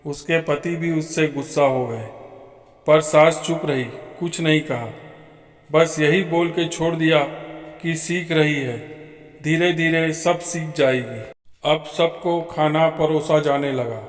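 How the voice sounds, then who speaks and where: A man narrates a story at a slow, deliberate pace, with a voice pitched a little high. The recording is roomy, with a long reverb trailing each phrase. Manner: slow, even reading with quoted dialogue. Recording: echoey room with long reverb.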